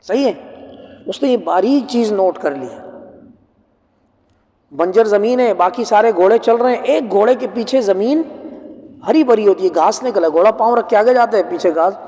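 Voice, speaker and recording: A man teaching Quran commentary as a lively story, often asking his listeners rhetorical questions. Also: high-pitched, long pauses. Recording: long reverb from a hall.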